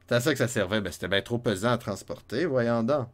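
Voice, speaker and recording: A man's voice: medium pitch, lively intonation, a little fast. A man with a Quebec French accent giving chatty, joking let's play commentary, talking to himself as he plays. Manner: joking, chatty, talks to himself while playing. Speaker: gamer.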